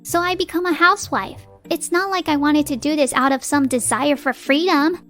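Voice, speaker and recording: In a manga dub with faint music behind her, a woman voices a high, youthful, slightly bright-sounding wife who serves as both narrator and lead. Speaking at normal speed, this fed-up young working wife and mother is composed yet exasperated, indignant and firm, blunt and determined to stand on her own, across narration and dialogue.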